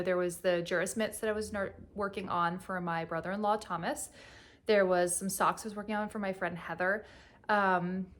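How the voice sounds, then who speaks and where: This knitting podcast host is a young woman nursing a cold, and her sniffly voice sits at a medium, somewhat bright pitch. Chatty and meandering, she laughs often and leans heavily on fillers.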